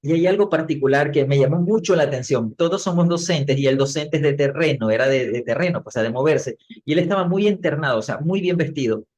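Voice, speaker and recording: A middle-aged man, a public speaking coach, telling his story as a podcast guest in an animated way, acting out what he said back then. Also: a little high. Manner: animated, acts out his own past words.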